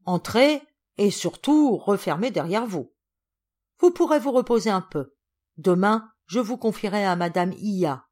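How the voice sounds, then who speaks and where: A woman voicing a haughty alien lady official who speaks in a shrill, commanding way, for an audiobook. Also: lively intonation, unhurried, a little mellow. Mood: bossy.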